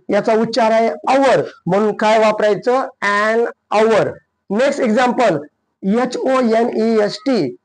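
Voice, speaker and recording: Man, Marathi accent, high voice, grammar teacher, asks and answers his own questions. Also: poor audio. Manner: explains by asking and answering his own questions, slows on English examples. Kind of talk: classroom-style lesson.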